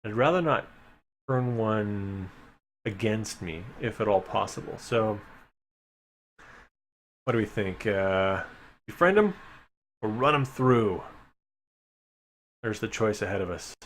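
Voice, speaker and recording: A man's voice: lowish voice, lively intonation, slow pace, pauses often, a bit bright, a little hiss or hum. A man streaming a live reading of an adventure gamebook, reading passages aloud and making chatty, wry asides to his chat. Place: home streaming setup.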